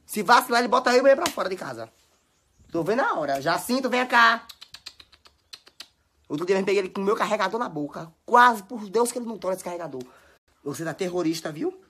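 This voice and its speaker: A little hiss or hum sits under this young woman's medium-pitched, animated, quick speech. A social media personality with a Bahian Brazilian Portuguese accent, she tells casual stories into her phone at home, scolding and chattering in exaggerated fashion.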